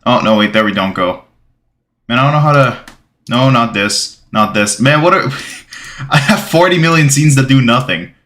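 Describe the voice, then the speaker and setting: A man's voice: medium pitch, animated, normal speed, a bit bright. A young man born in Bulgaria, English his second language, chatting casually on a gaming livestream, rambling and reading out chat comments. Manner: rambling, reads chat aloud, thanks followers.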